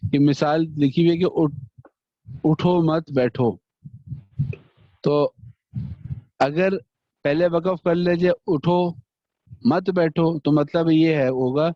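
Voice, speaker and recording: A man with a fairly high voice teaches a hadith lesson, reciting the Arabic slowly before explaining it step by step in a measured way. The recording is dry and dull, with a lo-fi, muffled top end. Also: dry recording. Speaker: religious teacher.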